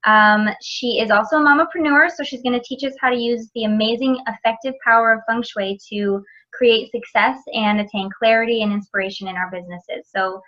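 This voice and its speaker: A woman's voice: a little high, fairly even intonation, fairly quick, few pauses, sharp tone. A woman hosting an interview, upbeat and enthusiastic as she introduces her guest and asks questions. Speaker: podcast host. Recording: dull lo-fi sound.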